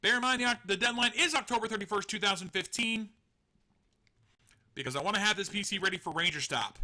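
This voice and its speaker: This online show host speaks fairly quickly in a high, bright, pushed voice. His live-stream chat is loose and rambling, full of self-deprecating jokes, frequent laughter, and the occasional swear word.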